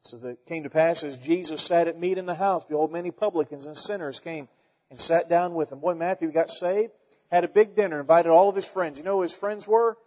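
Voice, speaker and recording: With a mellow voice on the high side, a forty-something pastor preaches fervently to his congregation, a little fast, mixing in rhetorical questions and folksy asides. The church-sanctuary recording is dull and reverberant, with a little hiss or hum.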